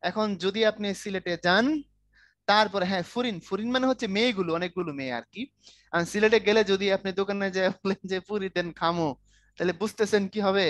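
A man's voice: sits high, a bit bright, no echo. A man giving an online Bangla grammar lesson. His voice is close and dry, with no room sound behind it. He jokes easily and keeps stopping to ask whether the class is following. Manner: joking, keeps checking students follow. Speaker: Bangla language teacher.

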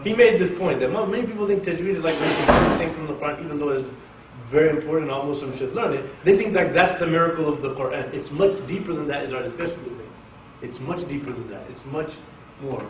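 A man's voice on the high side rattles along quickly with hardly any pauses: a casual, joking Quran teacher from Oklahoma, USA, animatedly engaging his audience in an informal religious class. Recorded in a mosque hall from a distance, the sound carries room echo and faint hiss.

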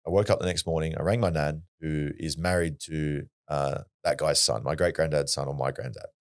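A man's voice: very deep voice, fairly even intonation, brisk. An Australian man, a podcast guest, telling a personal story in a blunt, earnest way and swearing freely. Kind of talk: casual storytelling.

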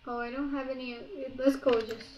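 A woman co-playing in a casual gameplay chat, bossy and teasing, snapping out quick commands. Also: sits high, steady tone, a crowd in the background. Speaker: co-player. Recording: echoey room.

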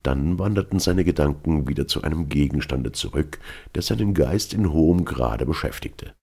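A man reading a classic novel aloud in measured literary narration. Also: very deep voice, lively intonation, darkish tone, husky. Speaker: audiobook narrator. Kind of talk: scripted narration.

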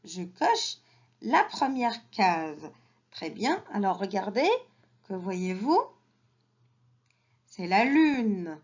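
A woman teaching an early reading lesson to children, repeating each word slowly and breaking it into syllables. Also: mid-range voice, very animated. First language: Arabic. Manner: slow, syllable-by-syllable modelling with repeated words. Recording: dull lo-fi sound.

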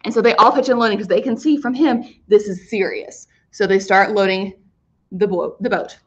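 A woman's voice: medium pitch, normal speed. A woman teacher casually explaining a story to her class, chatty with many fillers, in an echoey, muffled recording. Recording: echoey room, muffled sound.

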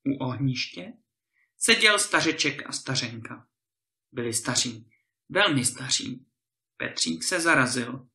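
A man reading a fairy tale aloud as a storyteller, in an animated, expressive way. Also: mid-range voice, vocal fry. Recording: roomy echo.

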